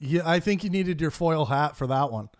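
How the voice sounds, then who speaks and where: A man with a fairly high voice hosts a casual live-stream podcast. He is relaxed, laughs easily and often stops to restart his sentences. The recording is dry and close to the mic. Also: moderate pace, no room sound. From Canada. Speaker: podcast host.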